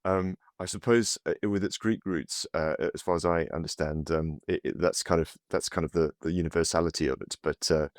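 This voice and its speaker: Podcast guest: man from South Africa, very low voice, halting with fillers. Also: fairly even intonation, no room sound, clean studio sound. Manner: hesitant, many fillers and restarts. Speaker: podcast guest, consultancy managing partner. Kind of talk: casual interview over a call.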